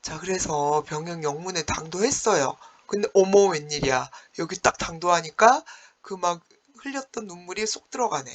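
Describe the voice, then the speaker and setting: A male teacher giving an online class lecture, retelling a story with animated exclamations. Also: high-pitched, moderate pace, hardly any pauses.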